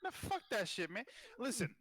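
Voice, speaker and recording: Teasing, high-voiced man. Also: very animated, moderate pace, fairly bright tone, slightly rough, dry recording, clean studio sound. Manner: teasing, laughing. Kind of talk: casual chat.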